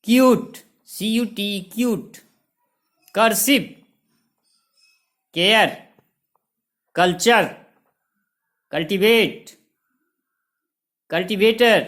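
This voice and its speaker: A man with a high voice draws out his words and leaves long pauses as he explains a lesson in classroom fashion. He lists example words one by one in a steady rhythm, spelling certain ones out letter by letter.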